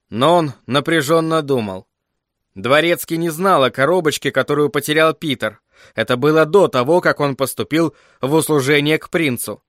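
A man narrating a story in a measured, even reading voice. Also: fairly high pitch, dry recording, clean studio sound. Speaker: audiobook narrator. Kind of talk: scripted narration.

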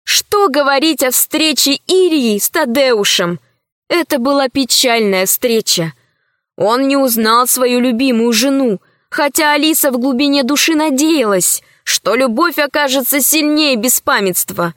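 A woman reading a children's story aloud in a measured, expressive way. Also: high voice, no echo, clean studio sound. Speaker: narrator. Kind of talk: audiobook reading.

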